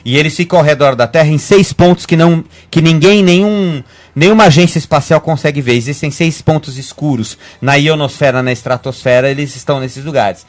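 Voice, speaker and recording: A Brazilian man, a guest medium, talking fast in a rambling way with many restarts on a web radio show. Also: on the high side. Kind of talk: casual radio talk.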